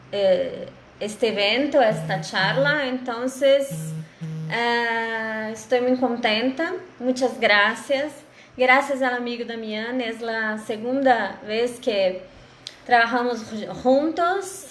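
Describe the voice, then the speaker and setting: Over a video call, a Brazilian woman with a Brazilian Portuguese accent greets an online audience as a guest lecturer, speaking Spanish as a second language. She halts often, with many fillers and restarts, and her slightly high voice comes through an echoey room with a little hiss or hum.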